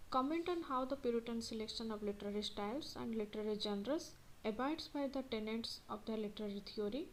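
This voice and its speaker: A woman's voice: a little high, slight background noise, rough recording. A woman tutor reading study notes aloud and going back over the key points. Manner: reads text aloud, then repeats key points.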